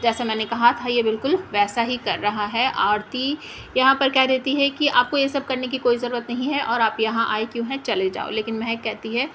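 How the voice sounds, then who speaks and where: A woman retelling a serial's plot in a steady storytelling way, her voice sitting fairly high. A faint background hum sits under her. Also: moderate pace. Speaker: narrator recapping a TV serial. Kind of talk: spoken plot recap.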